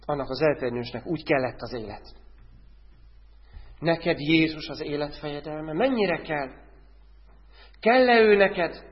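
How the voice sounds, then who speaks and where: A male preacher giving a sermon, who keeps asking his listeners direct questions and swings between loud, urgent lines and hushed ones. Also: fairly high pitch, pauses often. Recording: dull sound with a long hall echo.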